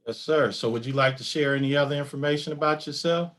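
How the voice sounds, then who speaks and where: A middle-aged man hosting a community podcast interview, speaking in a measured, formal way. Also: on the high side, fairly bright tone. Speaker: podcast host.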